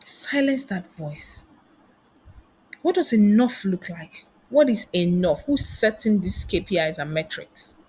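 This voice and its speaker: Husky-voiced woman coaching with rhetorical questions. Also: mid-range voice, animated, a little slow, darkish tone. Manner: asks many rhetorical questions. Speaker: career coach and trainer. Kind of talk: motivational teaching talk.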